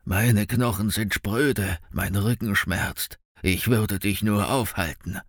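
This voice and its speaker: A man reading a story aloud, voicing a frail, resigned old man who speaks slowly and wearily. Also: on the low side, lively intonation, creaky, husky, exaggerated voice. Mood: weary. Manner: slow, tired, drawn-out.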